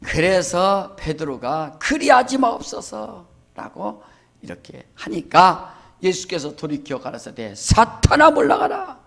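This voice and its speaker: A man's voice: high-pitched, sing-song, slow, creaky, a bit bright, soft background music. A man preaching a sermon as pastor, who acts out the quoted speech of others and keeps asking the congregation questions.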